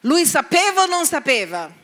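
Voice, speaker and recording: A woman preaching a sermon in a lively way, acting out the people in her story and sometimes dropping to a hushed voice. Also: high voice, normal speed. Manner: animated, acts out quoted voices, drops to hushed tones.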